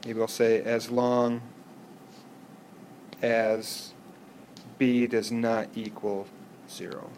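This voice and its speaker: A man teaches a math lesson in an ordinary, mid-pitched voice. He walks through each step patiently and keeps asking whether the class follows. Faint room noise sits behind him. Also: flat delivery, drawn-out words, long pauses, darkish tone. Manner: patient, checks in with students often. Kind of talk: classroom lecture.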